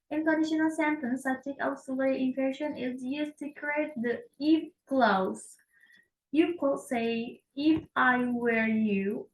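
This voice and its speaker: A woman's voice: on the high side, distant mic. Young woman reading a class presentation, echoey. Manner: careful, slightly halting reading with self-corrections. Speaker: student presenting a syntax project. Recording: echoey room, voice off-mic.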